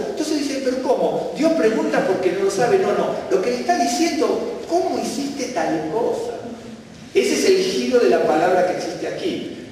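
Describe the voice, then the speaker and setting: Brief: male Bible teacher, high voice, animated sermon delivery, distant mic in a big reverberant hall. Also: slight background noise. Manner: animated, rising for quoted questions, self-correcting.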